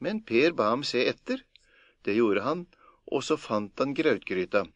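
A man reading a folk tale aloud as an audiobook narrator, in a measured, plain storytelling manner. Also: medium pitch, lively intonation, no room sound, lo-fi sound.

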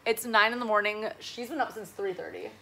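A hoarse young woman in her twenties, talking into a handheld phone in a hotel room on a casual travel vlog. Her tone is bright and sharp despite the worn-out voice, and she is chatty and self-mocking. A faint hum of room ambience sits behind her. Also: mid-range voice, a little fast, poor audio. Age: 20s. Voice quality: hoarse from a lost voice. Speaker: vlogger. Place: resort hotel room in the tropics. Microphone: handheld phone camera.

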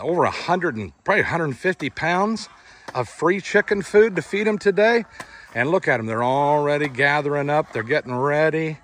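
A man's voice: medium pitch, a bit bright. A man in his fifties filming an enthusiastic, folksy farm vlog outdoors by a chicken pen, explaining as he goes into a phone held at arm's length. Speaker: farm vlogger. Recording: faint outdoor noise with chickens clucking.

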